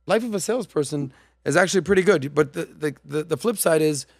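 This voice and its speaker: A man in his forties hosts a casual podcast from a studio set, speaking into a boom-mounted mic. His voice sits a bit high for a man, and the sound is close and dry. He tells stories animatedly, slipping into quoted voices. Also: fast, no room sound. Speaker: podcast host. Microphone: studio mic on boom arm.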